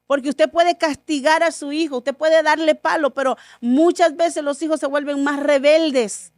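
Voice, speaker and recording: A woman with a high, bright-pitched voice tells a heartfelt faith story in a radio studio. She speaks earnestly and casually, slipping into the voices of her family as she quotes them. The sound is close and dry, with no room echo. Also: steady tone, normal speed. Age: adult, mother of a school-age son. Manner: earnest, acts out quoted dialogue. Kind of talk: conversational faith testimony.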